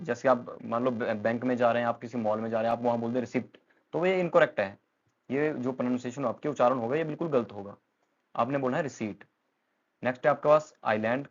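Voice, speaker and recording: With the highs cut off, this clip has a medium-pitched man with an Indian accent explaining English pronunciation in Hindi and English. He is patient, repeats words, and uses fillers a lot.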